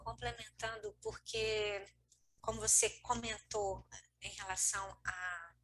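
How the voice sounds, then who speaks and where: A woman adding an explanation as co-teacher in an online class, in a measured way. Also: medium pitch, steady tone, fairly bright tone, a little hiss or hum, rough recording.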